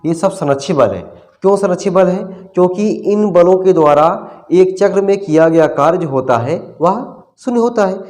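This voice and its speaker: A male physics teacher with a voice a little higher than most men's. He drills his class by asking a question and answering it himself, repeating each term several times, and he keeps it friendly by calling the students brother. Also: expressive, moderate pace, darkish tone. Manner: asks questions and answers them himself, repeating key terms; casual, calls students brother. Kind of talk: classroom lecture.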